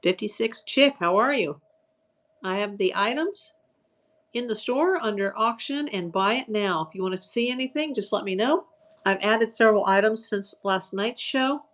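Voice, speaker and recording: Hosting a live online auction stream, a woman chats casually, greets viewers by name and lists items for sale, her voice growing tired and slightly hoarse after hours of talking. She has a mid-range, fairly bright voice, sounds animated and keeps a moderate pace in this easygoing live-selling chat.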